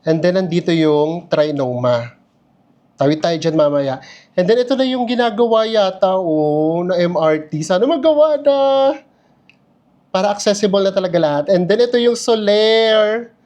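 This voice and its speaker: A man's voice: high voice, expressive, normal speed, darkish tone. A man giving a casual, chatty tour of a hotel room, laughing often and making playful asides. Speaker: travel vlogger.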